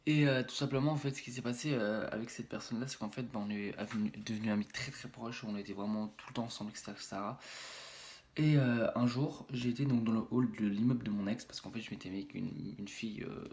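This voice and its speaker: A man's voice: fairly low pitch, fast talker, darkish tone. A young man from France with a French accent tells a personal story on his vlog, rambling with many fillers and restarts and acting out blows with sound words. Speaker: YouTuber.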